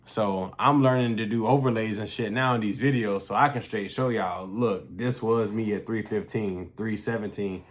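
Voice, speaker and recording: A fitness vlogger in his late thirties talks casually to the camera in a fairly low, slightly bright male voice. His speech is loose, conversational and slangy, peppered with lots of swearing.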